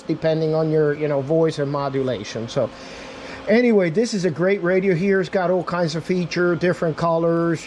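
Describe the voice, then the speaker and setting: A radio reviewer with a slightly mellow voice on the high side gives a casual, off-the-cuff demo. He chats straight to the camera, calling viewers "guys," and a little hiss or hum is audible.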